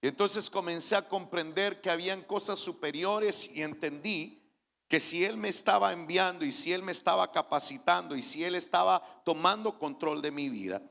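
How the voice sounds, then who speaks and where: Pastor preaching in a reverberant hall. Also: male voice, sits high, moderate pace, vocal fry, pushed and bright. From Chile. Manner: earnest, personal storytelling with frequent restarts. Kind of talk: sermon testimony. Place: church.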